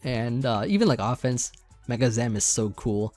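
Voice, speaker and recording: Over soft background music, a young man casually comments on building a competitive Pokemon team at a moderate pace. His mid-range voice grows slightly hoarse as he rambles, restarting often, using lots of fillers and laughing lightly.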